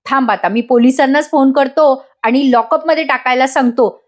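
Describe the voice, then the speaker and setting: A woman's voice: high voice, moderate pace, natural voice. Stern angry older man , read by a woman, scolding. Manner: shouting, stern.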